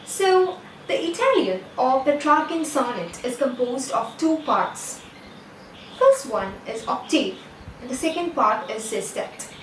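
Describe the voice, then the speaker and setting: A woman's voice: high-pitched, very animated, a little slow, a little hiss or hum. A woman with an Indian English accent explaining poetry as a lecturer, asking the listener questions and then answering them herself. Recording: roomy echo, distant mic, faint ambience.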